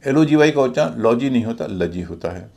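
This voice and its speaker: A male teacher, his voice gravelly with fry. He moves between high and low pitch in a lively way. He spells out letters one by one, slowly and with care. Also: highs cut off. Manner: slow, deliberate spelling out of letters and syllables. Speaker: English pronunciation teacher. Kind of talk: scripted lesson.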